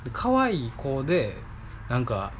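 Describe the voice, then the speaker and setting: Kansai male storyteller, animated delivery, slight hiss behind, acts out the lines he quotes. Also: medium pitch, measured pace, dull audio. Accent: Kansai Japanese. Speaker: podcast co-host. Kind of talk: comedic storytelling chat.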